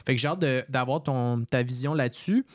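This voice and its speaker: A man's voice: mid-range voice, a little fast, no room sound, studio quality. A man with a Québécois French accent hosting a casual interview podcast, chatty and full of fillers. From Quebec. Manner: chatty, friendly, many fillers. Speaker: podcast host.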